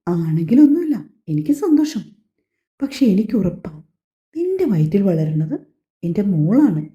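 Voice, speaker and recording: A woman's voice: mid-range voice, very animated, normal speed, warm tone, natural voice. A woman voicing a loving young husband who teases his wife and talks tenderly to their unborn baby, in an audio story. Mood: doting. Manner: tender, teasing. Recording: echoey, slightly dull home recording.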